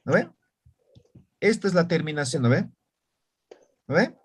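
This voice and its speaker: A man with a slightly high, animated voice and a breathy edge teaches a language class online. He goes slowly and patiently, frequently checking that students are following with "¿ya?" and "¿no ve?".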